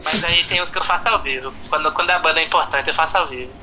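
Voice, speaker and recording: A man's voice: fairly high pitch, racing, pushed and bright, low-quality recording. A man with a Brazilian Northeastern accent chatting casually, slangy and often repeating himself. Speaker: musical performer being chatted with. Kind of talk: casual chat. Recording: faint background noise.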